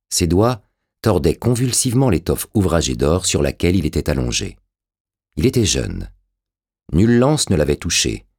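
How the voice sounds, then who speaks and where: A male narrator reading an audiobook with measured drama. His voice sits very low and has a husky edge throughout. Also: a little mellow.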